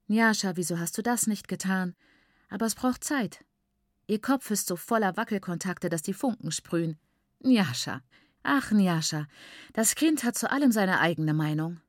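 A woman's voice: medium pitch, dry recording, clean studio sound, close to an everyday voice. A woman reading a proper mother who chats on about manners and scolds her daughter in a falsely cheerful tone. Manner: brisk, admonishing, falsely cheerful.

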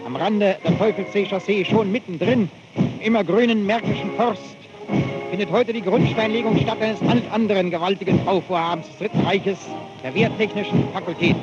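A man with a high voice gives solemn, declamatory newsreel narration in old 1930s style. The sound is muffled and lo-fi, and loud music plays behind it. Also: steady tone, moderate pace. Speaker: newsreel announcer. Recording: dull lo-fi archive film audio with loud music.

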